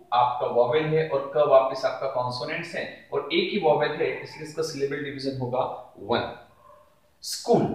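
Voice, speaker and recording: A male teacher explains a lesson, stretching out each word slowly as he drills its sounds. His voice sits a little high for a man. It rings around a very echoey room. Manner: slow, drawn-out word pronunciation drills. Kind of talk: classroom-style lesson explanation.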